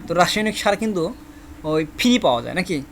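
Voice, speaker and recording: A high-pitched man teaches a Korean vocabulary class, saying each word again and again and quizzing his students. A faint hiss of background noise runs under his voice. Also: very animated, fast talker, fairly bright tone. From Bangladesh. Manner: repeats each word many times, asks the class questions. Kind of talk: classroom lesson with memory tricks.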